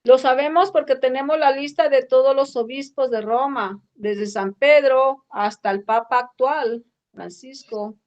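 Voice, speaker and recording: Mexican woman reading bible answers slow in class, kinda high voice, muffled lo-fi recording. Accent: Mexican Spanish. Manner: slow, careful reading with pauses. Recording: dull lo-fi sound.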